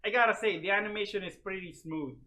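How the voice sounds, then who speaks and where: A man's voice: high voice, fast talker, sharp tone. A man on a casual gaming podcast giving opinionated takes, thinking aloud with many fillers. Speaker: podcast co-host.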